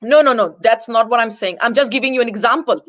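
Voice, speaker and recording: A woman from Denmark talks as an interview guest in a high voice. She is earnest and repeats words to press a point. The sound is close and dry. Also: fast, fairly bright tone, dry recording. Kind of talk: conversational interview.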